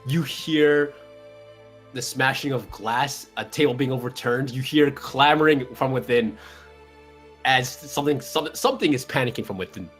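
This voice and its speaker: A man improvising narration as a tabletop game master, describing scenes in a halting way as he searches for words. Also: medium pitch, a bit bright, soft background music.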